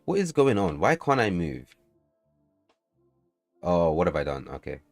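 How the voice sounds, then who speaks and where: Coding and playtesting live, this game developer talks unhurriedly to his chat in an extremely deep voice, swearing a lot and erupting in abrupt excited outbursts. The sound is close and dry with no room echo, and faint music plays behind him.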